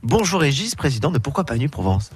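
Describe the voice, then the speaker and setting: A man reporting for the radio, asking his guest easygoing questions in a loose, chatty way full of fillers. His voice has a slightly husky grain. The sound is dry and close, with no room around it. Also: mid-range voice, sing-song, fast, no echo. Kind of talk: casual radio interview.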